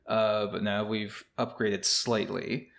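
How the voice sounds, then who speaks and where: A man's voice: fairly low pitch, flat delivery, takes it slowly, gravelly, a bit bright. Young man echoing in an empty room. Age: young adult. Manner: rambling, many fillers and restarts, frequent laughs. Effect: cave-like echo from an empty, bare room. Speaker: podcast co-host. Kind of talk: casual chat. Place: empty new home office, indoors.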